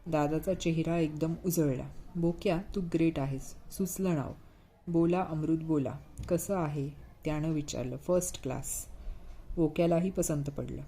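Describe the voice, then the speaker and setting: A woman's voice: low-pitched, normal speed, vocal fry, mellow, slight background noise. A woman reading a bedtime story aloud, voicing the characters with light expression.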